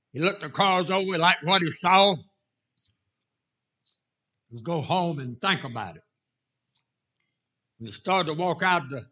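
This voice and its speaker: A man with a Southern US accent and a raspy voice preaching an informal sermon in a folksy drawl, talking directly to his congregation. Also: high-pitched, bright, forceful tone. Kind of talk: informal sermon with jokes and shouts of praise.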